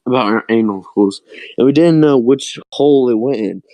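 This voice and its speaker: A man's voice: medium pitch, brisk, dark tone, no echo, rough recording. A teenage boy co-hosting a casual chat, telling a rambling story full of swearing and laughs, his voice cracking often. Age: teens. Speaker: podcast co-host.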